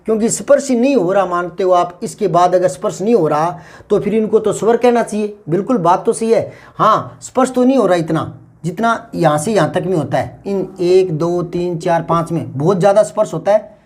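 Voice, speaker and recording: A man's voice: high-pitched, a little fast, a little mellow. A man teaching grammar in an exam-prep lesson. He explains patiently, repeats key terms and asks rhetorical questions.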